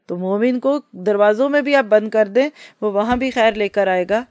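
A woman's voice: medium pitch, a little mellow, no room sound, muffled recording. Woman telling religious stories in a dry close sound. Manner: storytelling, addresses listeners directly with questions. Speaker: religious teacher. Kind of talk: religious storytelling lecture.

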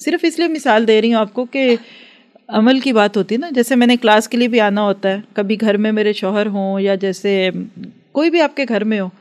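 A woman's voice: a little high, moderate pace, darkish tone. Earnest woman teacher. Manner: earnest, advising, acts out everyday dialogues. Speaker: religious teacher. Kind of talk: lecture to a women's class.

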